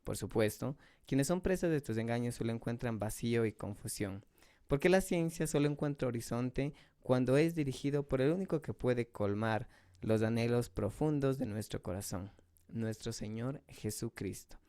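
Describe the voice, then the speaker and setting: Smooth-voiced devout radio host man. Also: mid-range voice, warm tone, no room sound, clean studio sound. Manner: measured, devout, slows for prayers.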